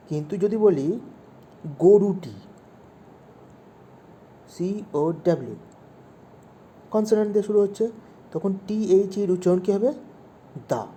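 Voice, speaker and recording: Man teaching grammar, mellow voice. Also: high-pitched, slight background noise. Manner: asks questions and repeats key points. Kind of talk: explaining grammar to children.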